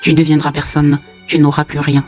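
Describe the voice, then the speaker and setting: A stern sorcerer from a spoken folk tale, as the narrator puts him on. He pronounces doom in a grave, even voice at a middling pitch. A soft musical bed plays underneath. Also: fairly quick, soft background music, lightly acted. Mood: ominous.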